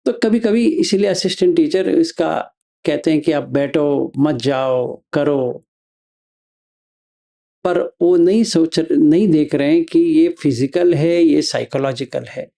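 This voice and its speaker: Slow, gravelly male meditation teacher. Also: on the high side, dark tone. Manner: slow, step-by-step instruction. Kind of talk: explaining meditation practice.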